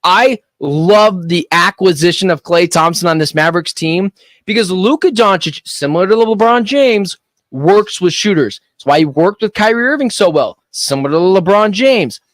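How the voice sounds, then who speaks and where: Speaking into a studio microphone, a man co-hosting a sports betting radio show comes across spirited and opinionated, with rapid jokey remarks. His voice sits high in a dry recording.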